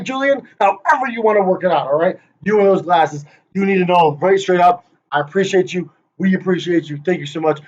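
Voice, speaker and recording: Rehearsing a playful conference talk, a high-voiced man races through his presentation with jokes and hype, poking fun at the people he mentions. The audio comes across dull and lo-fi.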